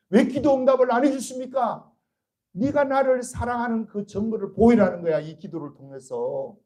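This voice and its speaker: A man's voice: sits high, dark tone, poor audio. A pastor preaching a sermon to his congregation, urging and earnest, asking rhetorical questions and answering them himself.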